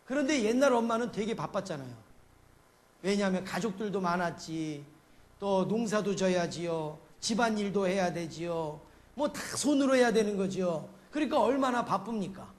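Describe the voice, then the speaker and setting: High-voiced preacher asking rhetorical questions. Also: male voice, expressive, normal speed. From South Korea. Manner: storytelling with many rhetorical questions to the congregation. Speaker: pastor. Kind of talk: sermon.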